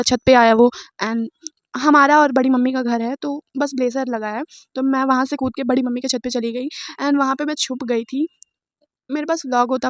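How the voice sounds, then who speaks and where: A woman's voice: sits high, no room sound. A young woman telling a storytime vlog in a casual, chatty way, laughing often and mixing in English words. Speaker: vlogger.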